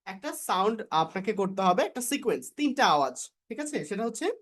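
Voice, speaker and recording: A woman's voice: mid-range voice, very animated. A woman from Bangladesh teaching English pronunciation in a live online class, repeating each word several times and coaxing her learners, with English phrases mixed into her talk. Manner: drills words by repeating them slowly, coaxing learners.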